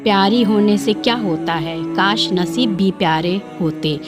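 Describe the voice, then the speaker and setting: A woman's voice: medium pitch, a little slow, music in the background, natural voice. A woman voicing a shy, pious young woman. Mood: shy, sad.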